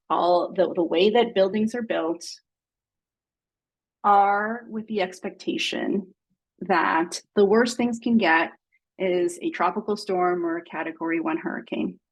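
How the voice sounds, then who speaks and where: Woman from Mexico, webinar host on a video call; hits stressed words high, trails off quietly. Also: low-quality recording. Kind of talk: hosting an online webinar.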